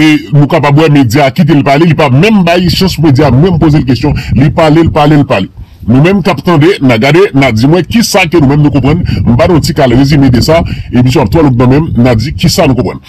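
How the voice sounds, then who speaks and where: A man giving rambling, halting commentary on a news clip for his audience. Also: fairly high pitch, a little mellow, slight background noise, low-quality recording. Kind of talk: commentary to camera.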